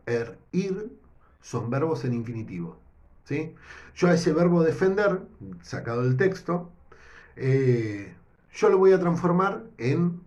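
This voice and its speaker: A man teaching a lesson with a Rioplatense accent, explaining step by step and often checking in with a quick question. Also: on the high side, darkish tone, lo-fi sound. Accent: Rioplatense Spanish. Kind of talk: recorded language lesson. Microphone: no whiteboard, improvising with notes.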